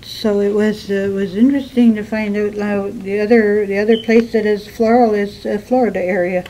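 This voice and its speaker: A woman giving an informal museum tour as guide, calm and explanatory, pausing to find her words. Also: mid-range voice. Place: inside a small museum. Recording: noisy on-location recording, varying distance from mic.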